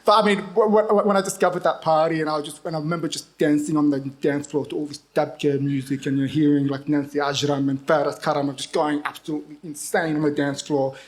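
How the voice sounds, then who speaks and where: A man's voice: on the high side, level tone, quick pace, few pauses. A man in his thirties with an Australian accent, chatting on a live panel in a rambling, self-deprecating way, laughing often. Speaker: panelist, book editor. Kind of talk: casual chat at a live panel.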